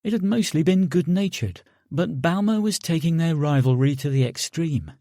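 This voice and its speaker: A man narrating an audiobook in a calm, steady reading voice, close to the mic. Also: on the high side, normal speed, no room sound. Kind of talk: scripted narration.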